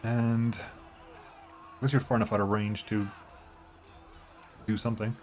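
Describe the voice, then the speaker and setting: A man's voice: fairly low pitch, flat delivery, measured pace, a little mellow. Man doing casual game commentary over music. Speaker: video game streamer.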